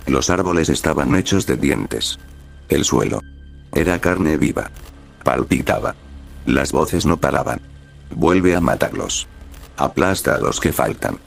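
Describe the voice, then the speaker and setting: Brief: text-to-speech male horror narrator, deep and creaky, flat clipped delivery.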